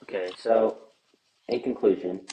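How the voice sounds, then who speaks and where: Deadpan dude co-hosting a comedy bit, deep low voice, talks dead serious about nonsense. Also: male voice, measured pace, creaky, background noise. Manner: deadpan, absurd answers delivered flatly. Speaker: comedy show co-host. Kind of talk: deadpan comedic sketch interview.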